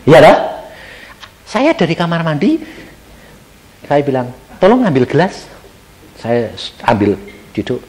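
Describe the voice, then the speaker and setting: A male pastor with a Javanese accent delivers a sermon at an unhurried pace. His slightly high voice leaps all over the place, and he shifts from near-shouted lines to soft, hushed remarks as he acts out scenes. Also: big pitch swings. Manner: dramatic, acts out dialogue, swings between loud outbursts and hushed asides.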